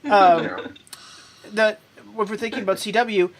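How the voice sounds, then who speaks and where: A woman's voice: mid-range voice, steady tone, normal speed, a crowd in the background. A woman hosting a casual online panel chat about television, talking in a rambling way with plenty of ums. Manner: rambling with fillers and restarts. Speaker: host.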